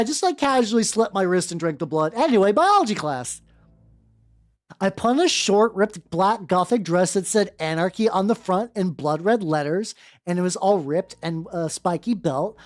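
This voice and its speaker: This streamer and vtuber host has a medium-pitched, slightly mellow voice with no room sound. She chats casually and reads fanfiction aloud with sweary, slang-filled, wry asides as background music plays.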